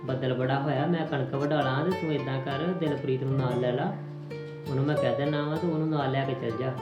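Easygoing, quick-talking Punjabi farmer husband, played by a man, music underneath. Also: medium pitch, steady tone, lightly acted. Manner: easygoing, placating. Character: farmer husband, calm peacemaking son. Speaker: actor in family drama.

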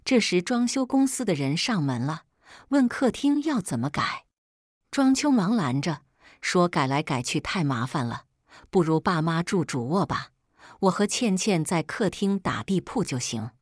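A woman's voice: on the low side, sing-song, measured pace, no room sound, clean studio sound. A woman narrating a family drama in the first person with a storytelling manner.

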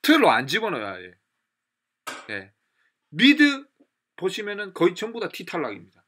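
A man with a Korean accent gives a lively English pronunciation lesson and repeats example phrases to drill them. His voice sits a little high and sounds bright and clear, and his pitch swings widely as he talks. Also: normal speed. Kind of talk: lively classroom lecture with demonstrations.

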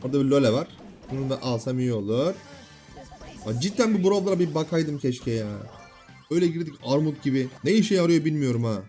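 A man in his thirties at home giving casual gameplay commentary, bantering and often shouting at his kids. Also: fairly high pitch, animated, a little fast, soft background music. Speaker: gaming YouTuber and father. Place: home room.

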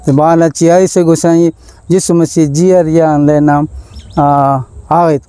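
A man with a Malto accent, a bishop giving an Easter sermon in a measured preaching manner with pauses. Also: a little high, steady tone, dark tone, clean tone, no room sound.

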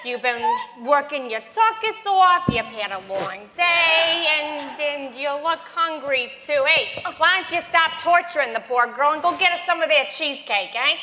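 A woman's voice: high-pitched, animated, moderate pace, few pauses, pushed and bright, long reverb tail, slight background noise. A woman playing a brash, wisecracking older woman customer in a church stage skit. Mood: bossy. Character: brassy old woman diner customer, bossy and wisecracking. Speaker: actor in a church Christmas skit. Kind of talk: live stage comedy sketch.

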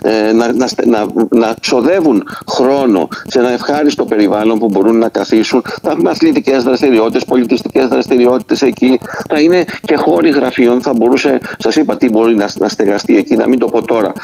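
An older man in his sixties talks as a mayor in an office interview, gravelly and middle-pitched, defending his plans insistently and restarting his sentences often. He speaks into desk microphones with a faint hiss of noise behind him. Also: mellow, low-quality recording. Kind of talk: radio interview. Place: wood-panelled office at a desk.

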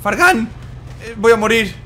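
A man with a Spain Spanish accent giving casual gaming commentary, excitable and stammering through repeated words as he swears. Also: very high-pitched, measured pace. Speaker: gaming YouTuber.

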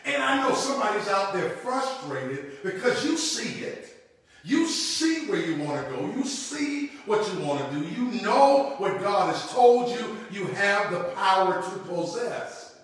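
Middle-aged male pastor, high-pitched and lively, preaches from a lectern; roomy, distant sound. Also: unhurried. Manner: preaching with call-outs and repetition, sweeping gestures. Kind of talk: sermon. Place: church room with logo backdrop, standing at a lectern. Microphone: far camera. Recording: echoey room, mic far off.

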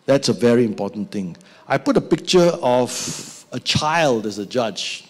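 An older man with a Malaysian English accent preaches from a church stage set with band instruments, holding a handheld mic. His voice is medium-pitched and a little slow. He is animated, acting out little scenes with put-on voices.

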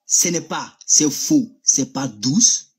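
A man's voice: medium pitch, lively intonation, takes it slowly, a little mellow, breathy edge. A man, insistently describing a voice he heard during a heated debate over a video call. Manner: insistent, describes with gestures on camera.

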